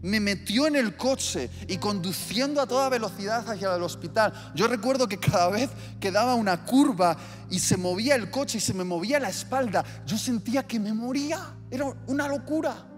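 Preacher in a reverberant hall. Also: male voice, sits high, animated, normal speed, hardly any pauses. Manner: vivid storytelling with acted-out scenes. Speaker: pastor. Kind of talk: sermon. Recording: long hall reverb with soft music.

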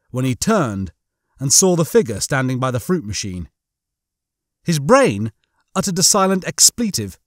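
This audiobook narrator reads comic science fiction with theatrical suspense, his fairly high voice rising and falling widely. The sound is close-miked and dry, and his tone is fairly bright.

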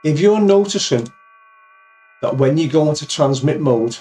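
Sounding warm and a little high, with lively intonation at a normal speed, a middle-aged man demonstrates software in an informal amateur radio tutorial. He keeps it plain and step-by-step, calls viewers "guys," and speaks close into a pop-filtered boom-arm mic in his small, cluttered home office.

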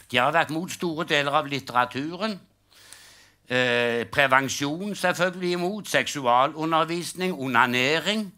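A man's voice: medium pitch, bright, forceful tone. An older man doing a live stand-up routine, telling jokes in a dry storytelling way and acting out the punchlines. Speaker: stand-up comedian. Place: live comedy stage.

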